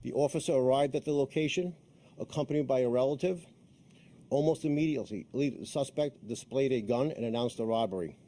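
A man's voice: mid-range voice, brisk, warm tone. A man, a police official, giving a factual account at an indoor press briefing.

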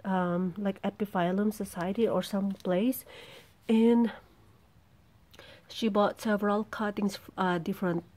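A woman giving a casual, halting, rambling vlog narration outdoors in a backyard, filming with a handheld camera. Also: mid-range voice, steady tone, darkish tone. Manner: informal, halting, rambling delivery. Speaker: vlogger showing their plants. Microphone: handheld camera, behind the lens. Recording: outdoor background noise.

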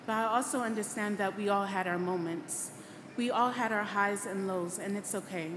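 Through an echoey hall PA, amid loud background noise, a young woman from Ghana in her late teens gives a formal scripted graduation speech. She is the graduating student speaker, at a podium on a large auditorium stage, using a podium mic on a boom stand. Her pitch is medium and her oratory earnest and measured.

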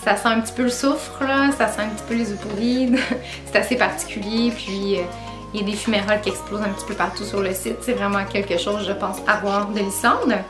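A woman's voice: medium pitch, fairly even intonation, brisk. A woman in her twenties with a Québécois French accent, talking casually to camera about her travels, with lots of filler sounds. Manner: chatty, many filler "euh"s, laughs at herself. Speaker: travel vlogger. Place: small room indoors with string lights and bookshelf. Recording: roomy echo, music behind.

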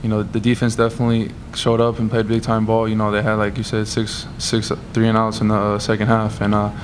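A young man, a college quarterback, answering questions at a post-game press conference, steady and full of "you know". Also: on the low side, fast, a little hiss or hum. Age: young adult. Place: press room at a table before a sponsor backdrop. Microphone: table mic on a stand.

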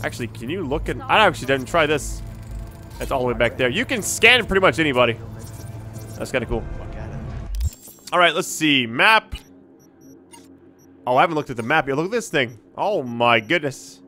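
A man giving casual live gameplay commentary, easygoing and slangy, thinking out loud as he plays. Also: mid-range voice, lively intonation, normal speed, pauses often. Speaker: gaming streamer. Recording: game music behind the voice. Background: game music and city sounds.

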